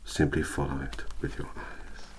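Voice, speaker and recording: Casting: male actor as patient, menacing elf interrogator, whispered role-play, rock-bottom pitch, soft and unhurried, coaxing delivery. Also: expressive, a little hiss or hum. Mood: calm, coaxing. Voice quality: soft-spoken, breathy half-whisper. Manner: slow, deliberate, hypnotic, coaxing elf interrogator. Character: cold, patient male elf inquisitor interrogating a human prisoner.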